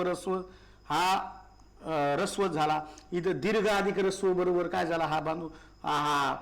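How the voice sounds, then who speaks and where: A man's voice: sits high, fairly bright tone. A male teacher giving a grammar lesson, asking questions and answering them himself, repeating key words and often calling his listeners brothers.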